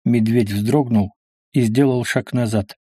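A man narrating an action audiobook in a steady, dramatic reading. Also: medium pitch, measured pace, slightly rough, dry recording, studio quality.

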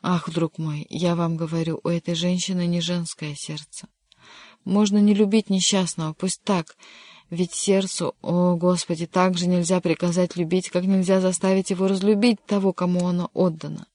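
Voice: mid-range voice, level tone, moderate pace, darkish tone, no room sound, clean studio sound, close to an everyday voice. A reader voicing a lovesick, despairing young count in an audiobook, speaking in an impassioned, pleading way. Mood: anguished. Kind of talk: audiobook reading.

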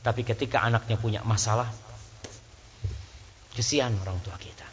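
A man giving a conversational sermon as a preacher, his voice jumping high for emphasis. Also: normal speed, slight background noise. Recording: slightly dull lo-fi sound.

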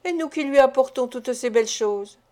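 Sly old gang boss, wheedling and servile, voiced by a woman reading a storybook, fairly high pitch. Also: normal speed, a little mellow, close to an everyday voice. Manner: wheedling, submissive. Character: sly old male gang leader, fawning.

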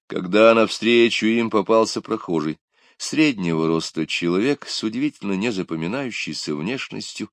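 Man, audiobook narration, very deep voice, measured expressive storytelling, dry close recording. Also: dry recording. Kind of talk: scripted narration.

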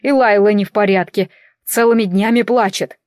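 A woman voicing a frightened male elf villager who shouts in panic in an audiobook. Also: medium pitch, fairly even intonation, moderate pace, no room sound, clean studio sound, natural voice. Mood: panicked.

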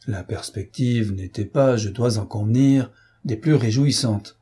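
A man reads a story aloud in a steady, measured way. His voice is dark and mellow, with a husky grain. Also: fairly low pitch. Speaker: audiobook reader. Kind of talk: scripted narration.

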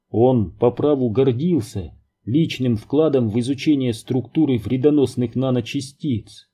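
A man narrating an audiobook in a steady, measured reading. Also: mid-range voice, husky. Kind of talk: scripted narration.

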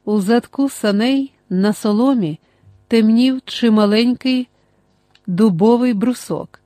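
A woman narrating an audiobook in a lively, expressive storytelling manner. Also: on the high side, slow pace, no echo.

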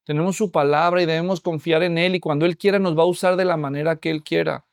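Spanish-speaking pastor with a higher voice, dry sound. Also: male voice, steady tone, quick pace, creaky, dry recording. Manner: storytelling, addressing the congregation. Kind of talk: sermon.

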